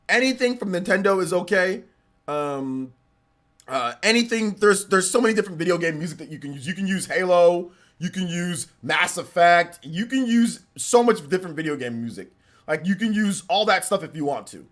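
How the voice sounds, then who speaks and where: Streamer, male, forties: bright, sharp-edged voice, ranting and repetitive, exasperated live reaction. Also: high-pitched, animated, normal speed. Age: 40s. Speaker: livestreamer.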